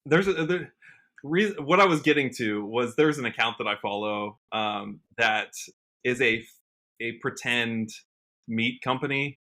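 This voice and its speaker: A country musician from Washington state in the United States chats casually as a podcast guest. His medium-pitched voice is unhurried with a sharp tone, and he comes across earnest and enthusiastic.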